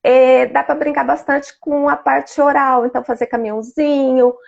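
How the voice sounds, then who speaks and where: Guest expert, woman, slightly high, gravelly, calm explainer; dull lo-fi audio. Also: normal speed. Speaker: speech therapist guest. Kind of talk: live-stream talk. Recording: dull lo-fi sound.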